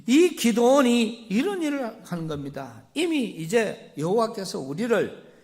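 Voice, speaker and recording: A male pastor with a Gyeongsang accent preaching a sermon. He reads scripture and retells it in everyday words, swinging between loud emphasis and quiet asides. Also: sits high, sing-song, unhurried. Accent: Gyeongsang Korean.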